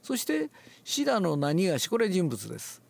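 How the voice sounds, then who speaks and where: An older man, relaxed and musing aloud, explains a classical Japanese text before reading it aloud and demonstrates with his voice. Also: high voice, moderate pace, gravelly, husky. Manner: relaxed, talks to himself, demonstrates accents aloud. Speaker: reading teacher.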